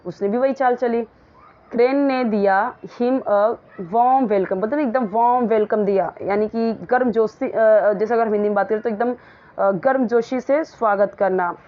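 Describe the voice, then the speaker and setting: A woman English teacher. She reads a story line by line and explains each word in friendly, chatty Hindi, reading the English parts slowly and clearly. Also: medium pitch, muffled recording.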